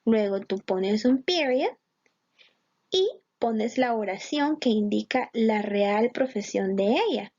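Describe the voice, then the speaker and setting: Slow-talking woman teaching English, lo-fi sound. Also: medium pitch, animated, darkish tone, slightly rough. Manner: patient, mixes English grammar terms into Spanish. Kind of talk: slow explanatory online lesson.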